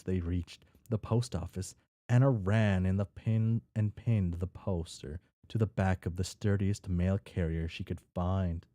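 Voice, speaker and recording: Casually chatting while he draws, a read-along stream host reads a story aloud in an offhand way and sometimes trips over words. His warm voice sits low, and the recording is studio quality with no echo.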